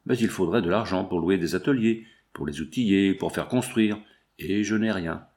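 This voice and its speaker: A man's voice: low voice, normal speed, a little mellow. A man voicing a greedy, scheming foreman in an audiobook, brooding and muttering.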